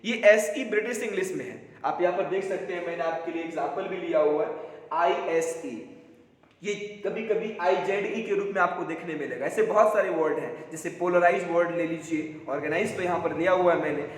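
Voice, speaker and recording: A man explains a language lesson, slowing down deliberately for the example sentences. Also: sits high. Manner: switches between Hindi explanation and slow, deliberate English example sentences. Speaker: English teacher. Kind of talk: classroom-style lesson explanation. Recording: roomy echo with long reverb.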